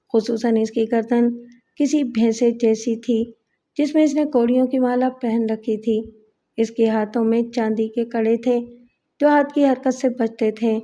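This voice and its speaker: A woman reads a crime thriller novel aloud in a measured, literary storytelling style. Her voice sits somewhat high and sounds mellow and soft. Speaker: audiobook narrator. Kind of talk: scripted audiobook narration.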